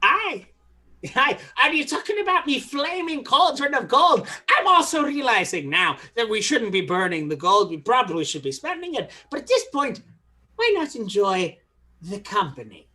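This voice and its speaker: A woman's voice: on the high side, very animated, moderate pace, pushed and bright, heavily acted. A woman voicing a cheeky young leprechaun with a playful put-on Irish accent.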